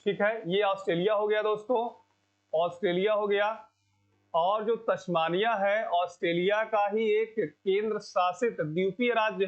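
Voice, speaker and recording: A high-pitched man delivers an exam-prep lecture, going over each answer and then asking the class to repeat it back. The recording sounds dull and lo-fi. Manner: repeats key answers, asks the class questions. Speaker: coaching teacher.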